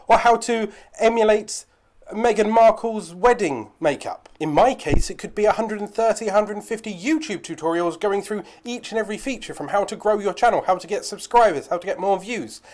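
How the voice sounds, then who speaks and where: A man's voice: sits high, darkish tone. A man hosting his own video channel, giving chatty advice straight to camera with rambling asides. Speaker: YouTube channel host. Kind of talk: direct-to-camera advice vlog.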